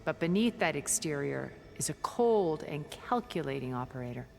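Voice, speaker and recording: An actress voices a refined, wealthy immortal woman in video game dialogue, her low, creaky, expressive voice delivering measured, eloquent, theatrical lines with quiet scorn and cool disdain.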